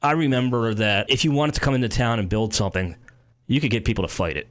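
A man's voice: mid-range voice, fast. A man hosting a local talk show, blunt and opinionated, rambling through his points. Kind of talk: casual talk radio chat.

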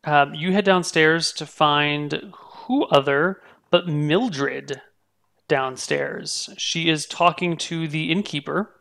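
A man narrating a tabletop game as game master, explaining things in a halting way. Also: a little high, vocal fry, a bit bright.

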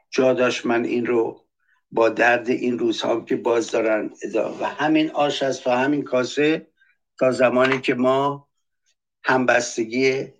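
A man's voice: medium pitch, fairly bright tone. A man speaking on a political talk show, reading testimonies aloud and denouncing with anger. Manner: impassioned, reads testimonies aloud; angry, denouncing. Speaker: panelist.

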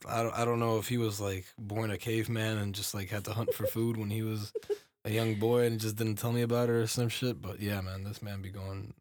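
A man's voice: on the low side, level tone, a little fast, darkish tone, no echo. A young man in his twenties, a podcast guest, chatting casually and swearing a lot in laid-back slang. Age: young adult. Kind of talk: casual chat.

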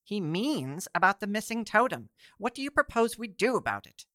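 A man voicing a fussy female dragon head of a chimera, exasperated and sharp-tongued. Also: mid-range voice, moderate pace, no room sound, clean studio sound.

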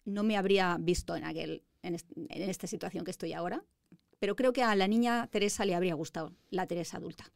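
A lawyer in her fifties from Spain, with a Madrid accent, tells her story as a guest in an interview, speaking fast with confident, articulate ease. Her voice is lowish and gravelly, recorded in studio quality with no room sound.

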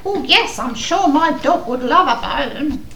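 A woman's voice: high voice, animated, a little slow, fairly bright tone, reverberant, a little hiss or hum, full character voice, low-quality recording. A woman playing a cheerful old woman who is hard of hearing and mishears everything, in a comic radio play. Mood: doddery. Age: older. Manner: mishears everything, sweet and chatty. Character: deaf old woman Mother Hubbard, cheerful and muddled.

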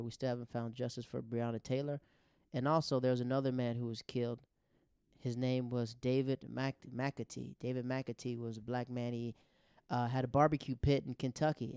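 A male host with a childhood in the Netherlands and Japan delivers a relaxed personal monologue on social issues, often dramatizing what others said. His mid-range voice is dark and smooth, captured in studio quality with no room sound.

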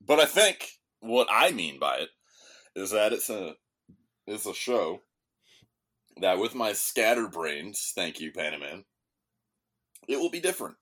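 A man with a low voice hosts a casual podcast. He rambles from topic to topic, swears freely and restarts his sentences, talking into a studio microphone. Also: very animated, unhurried, long pauses, a bit bright. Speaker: podcast host.

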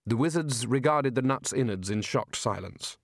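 Measured male audiobook narrator. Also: medium pitch, lively intonation, no echo, studio quality. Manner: measured, storytelling. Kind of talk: scripted narration.

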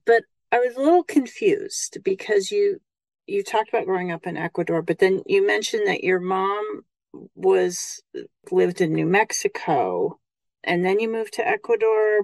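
A woman's voice: mid-range voice, a little slow, a little mellow, no room sound. A woman co-hosting a podcast, chatting and asking curious, friendly questions. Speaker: podcast co-host. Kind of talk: casual interview chat.

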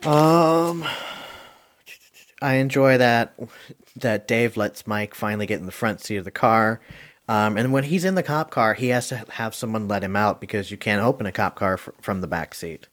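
A man's voice: lowish voice, moderate pace, a bit bright. A man hosting a casual podcast movie review, rambling and hesitant with lots of ums and likes, chuckling now and then.

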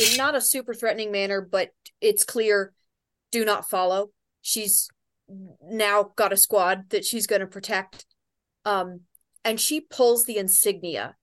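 A woman with a middle-pitched voice plays a tabletop role-playing game. She narrates her character's deeds in a dramatic storytelling style. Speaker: tabletop role-play player.

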